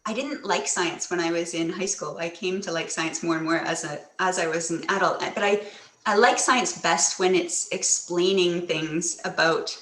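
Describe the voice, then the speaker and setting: A woman in her forties, a children's author, telling stories and answering questions with lively acted-out quotes. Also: fairly low pitch, normal speed, a little hiss or hum. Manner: animated storytelling, acts out quoted voices. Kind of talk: book presentation and Q&A. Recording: echoey room, a little off-mic.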